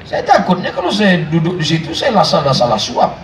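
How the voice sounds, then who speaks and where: Male preacher, high voice, playful storytelling sermon, distant roomy live recording with crowd noise. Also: wildly swooping pitch, fairly quick. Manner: jokey storytelling, acts out voices and sings snatches of songs. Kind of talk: humorous sermon to a live congregation. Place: large hall with congregation. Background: congregation laughing.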